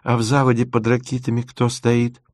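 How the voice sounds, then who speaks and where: A man's voice: mid-range voice, completely flat delivery, moderate pace, a little mellow, dry recording, studio quality, pitched above the performer's own voice, close to an everyday voice. A man voicing an earnest, eager young male student intern.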